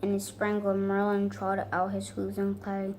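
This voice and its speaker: A woman reads a children's fairy book aloud at an ordinary pitch. Her reading halts over words and restarts them. A faint hiss sits under the voice. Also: monotone, a little mellow, low-quality recording. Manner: halting reading with misread words. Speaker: reader.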